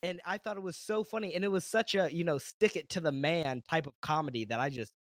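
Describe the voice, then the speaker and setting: A man with a fairly high voice hosts a podcast, asking relaxed follow-up questions. The recording is close and dry, with no room sound. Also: quick pace, no echo. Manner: conversational, asks follow-up questions. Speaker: podcast host. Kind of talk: casual interview chat.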